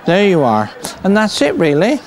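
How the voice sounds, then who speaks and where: A man's voice: high voice, wildly swooping pitch, normal speed, slight background noise, exaggerated voice. A man with a Somerset accent playing a cheerful, bumbling rustic farmer in a stage comedy act, rambling folksily and tagging his lines with "see" and "look". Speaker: comic performer. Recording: piano music playing behind.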